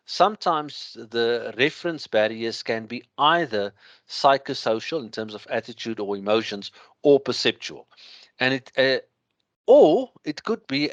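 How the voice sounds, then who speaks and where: A man with a thick Afrikaans accent lecturing through slides, explaining in a halting way with everyday examples. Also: medium pitch, dry recording, dull audio.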